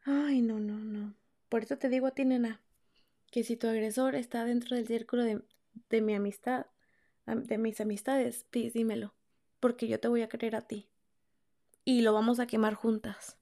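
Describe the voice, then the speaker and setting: On her podcast, a young Mexican-accented woman tells a personal story, swearing freely and using slang in a candid, casual way while acting out what people said. Her voice is a little high and warm, level in tone, at a moderate pace.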